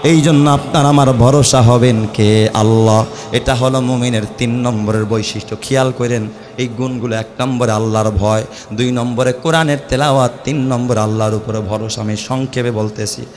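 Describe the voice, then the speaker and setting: A man's voice: mid-range voice, fairly even intonation, normal speed, a little mellow. A man with a Bangladeshi accent delivering an impassioned Islamic waz sermon, with repeated rhetorical questions and chanted verses. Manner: impassioned, rhetorical, repetitive building phrases, chanted Quran verses. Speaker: Islamic preacher, mufti. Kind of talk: rousing waz sermon with call-and-response questions to the congregation.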